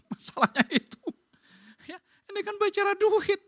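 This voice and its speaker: A woman pastor preaching a sermon in a church, talking in a lively, conversational way straight to the congregation. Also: very high-pitched, unhurried.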